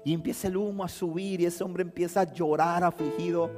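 A man's voice: sits high, steady tone, fairly quick. A man preaching a sermon, telling a story with dramatic storytelling and rising to fervent exhortation. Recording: hall reverb with faint music behind.

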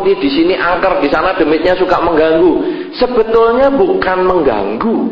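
A man preaching a sermon, telling stories and acting out the voices in them. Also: fairly high pitch. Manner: animated, acts out voices in his stories. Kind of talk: sermon storytelling. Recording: dull, echoey hall with long reverb.

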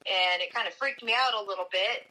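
A woman's voice: mid-range voice, fairly quick, pushed and bright, poor audio. An American woman in her forties casually recounting events as an interview guest over speakerphone. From Tri-Cities, United States. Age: 40s. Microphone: speakerphone call.

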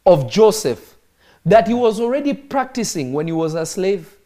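A warm-toned Kenyan man whose voice sits high and swings widely in pitch preaches at normal speed on a live stream. He speaks emphatically to his online audience and repeats phrases to press points home.

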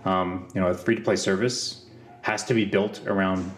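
Male co-host, slightly deep voice, talking through updates and opinions informally. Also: fairly even intonation, normal speed. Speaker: podcast co-host reading news updates. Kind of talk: informal news rundown with commentary.

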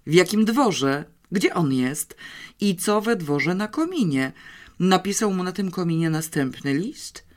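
An audiobook narrator voicing a quick-witted, confident schoolgirl who talks eagerly. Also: mid-range voice, sing-song, pitched above the performer's own voice. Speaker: child character in an audiobook. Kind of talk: audiobook character reading.

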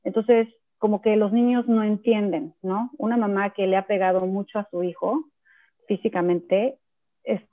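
A woman in her thirties speaks earnestly about raising children, building her points through everyday examples and frequent little check-in questions. Her voice arrives thin and narrow, as if over a phone line. Her pitch sits in an ordinary middle range. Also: steady tone, moderate pace. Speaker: guest, parenting speaker. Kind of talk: conversational explanation.

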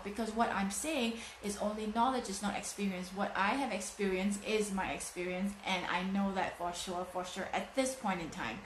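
A woman's voice: medium pitch, slight background noise. A woman in her late thirties giving a motivational talk, emphatic and fond of repeating phrases for effect. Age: 30s. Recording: echoey room.

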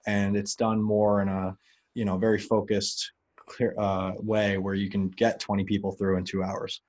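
A man speaking as a podcast guest, telling stories in a relaxed, animated way with plenty of fillers. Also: on the low side, moderate pace. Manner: relaxed, animated, loose with fillers and an occasional curse. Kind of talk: casual interview storytelling.

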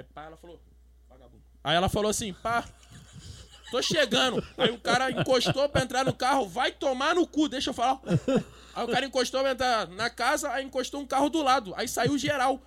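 This young man talks high and quick in a casual chat. He tells rambling stories full of slang and swearing, and breaks into sudden loud outbursts. His voice sits well above most men's. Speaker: guest.

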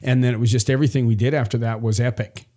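A man's voice: mid-range voice, fairly even intonation, rapid-fire, dark tone. A man who is a retired photographer, talking casually with many restarts while he recalls old photo shoots. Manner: rambling, many restarts and fillers. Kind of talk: casual conversation.

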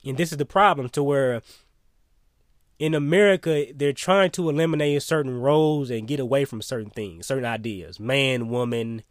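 A man's voice: medium pitch, moderate pace, no room sound, studio quality. A man delivering a solo opinion monologue in a blunt, emphatic way, sometimes swearing. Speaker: opinion commentator.

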